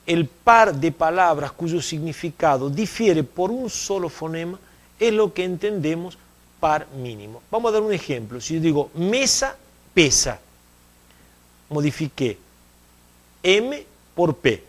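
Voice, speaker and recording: A man's voice: a little high, lively intonation, unhurried. Explanatory man lecturing on phonology. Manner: explanatory, repeats key terms, checks understanding with "¿eh?". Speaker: university Spanish lecturer. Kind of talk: recorded distance-learning lecture.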